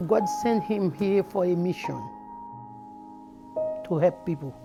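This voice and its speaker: In this documentary interview, a Haitian woman of middle age, a mother, shares her own story with earnest, non-native English phrasing. Her voice sits on the low side and her pace is slow, with instrumental music running under it.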